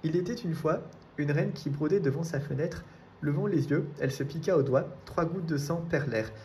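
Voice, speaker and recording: Guy reading kids' storybooks out loud, mellow voice, bit higher, faint hiss. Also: normal speed. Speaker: reader. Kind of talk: reading children's books aloud.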